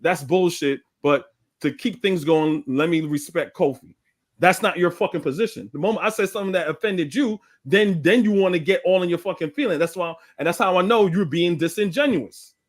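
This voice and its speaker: A man's voice: sits high, brisk, dry recording, studio quality. A young man from Guyana on a debate panel, talking emphatically and indignantly, swearing freely. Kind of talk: heated live debate.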